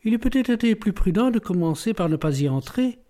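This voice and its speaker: A man's voice: fairly high pitch, big pitch swings, measured pace, dark tone. A man voicing an old police inspector who speaks bluntly, skeptically and with irony in an audiobook.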